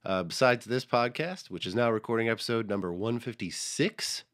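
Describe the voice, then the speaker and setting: A man hosting a music podcast while fighting a head cold, his voice breathy, talking casually with a dry, self-mocking manner. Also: medium pitch, normal speed, a bit bright. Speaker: podcast host.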